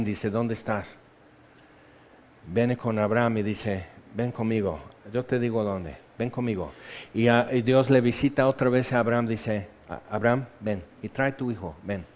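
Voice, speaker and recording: A man preaching a sermon with passion, moving between loud emphasis and soft hushed tones, reading scripture and acting out the quoted voices. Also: medium pitch, moderate pace, muffled recording. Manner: reads scripture then acts out quoted voices.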